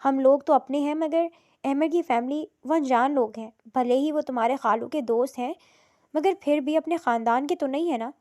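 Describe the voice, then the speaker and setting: A woman's voice: sits high, close to an everyday voice. A woman voicing a worried middle-aged mother who pleads and then scolds sharply. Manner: anxious pleading, sharp scolding when angry.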